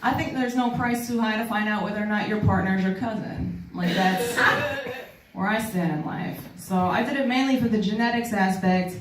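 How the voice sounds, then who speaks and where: A woman's voice: mid-range voice, normal speed. New york woman doing stand-up, laughs at her own jokes, sounds a bit far off in an echoey club, faint noise behind. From New York City. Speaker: stand-up comedian. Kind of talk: stand-up set. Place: small comedy club. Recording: echoey club room, mic at a distance. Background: audience laughter.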